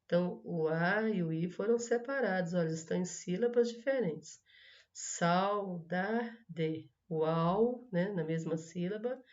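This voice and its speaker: Slow-spelling woman teacher, muffled audio. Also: on the low side, darkish tone. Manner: slow, syllable-by-syllable word stressing, frequent "né?". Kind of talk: correcting schoolwork in a recorded lesson.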